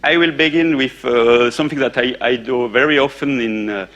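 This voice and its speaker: Addressing a conference in English, a male speaker whose first language is French stumbles along, frequently starting sentences over amid many "uh"s and "eh"s, and sometimes puts a question to the room. His voice is mid-range and a bit bright.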